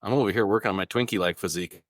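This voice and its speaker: Wry, lowish-voiced man telling casual anecdotes. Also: very fast, no room sound, clean studio sound. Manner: wry, joking. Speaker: brewer.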